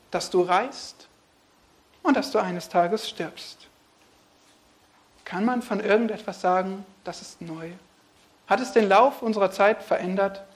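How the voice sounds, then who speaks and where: Expressive man preaching a sermon. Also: sits high. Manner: expressive, swings between hushed and emphatic.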